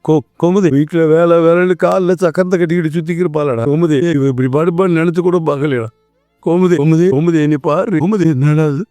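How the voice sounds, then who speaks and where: A man's voice: fairly high pitch, fairly even intonation, quick pace, warm tone, no room sound, soft background music, lightly acted. An actor voicing a distraught father who refuses to leave his wife's hospital bed, in a dubbed TV serial. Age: older. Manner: distraught, pleading. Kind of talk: TV serial dubbing.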